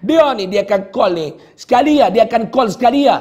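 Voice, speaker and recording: A middle-aged man with a Kedah Malay accent, a religious teacher telling a heartfelt personal story in a sermon, often sinking to a hushed voice. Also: very high voice, lively intonation, fast talker, lo-fi sound. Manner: heartfelt storytelling, dropping to a hushed voice at sad moments.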